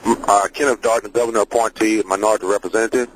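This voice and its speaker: A man's voice: on the low side, steady tone, fast, rough recording. A man calling into a meeting by phone, giving a brief introduction, heard over a speakerphone line. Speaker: board member calling in.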